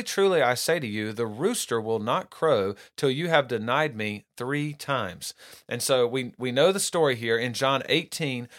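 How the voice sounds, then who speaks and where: A man gives a relaxed Bible lesson at a middle pitch. He talks in a loose, conversational way, often restarting his sentences and reading verses aloud between his explanations. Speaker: preacher. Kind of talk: casual Bible teaching.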